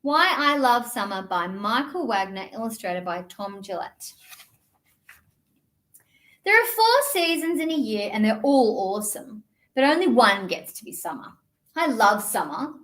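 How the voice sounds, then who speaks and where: A woman hosts a children's storytime, reading a picture book playfully and theatrically in a sing-song manner, with action songs for little ones. Her voice is a little high and a bit bright, very animated yet unhurried.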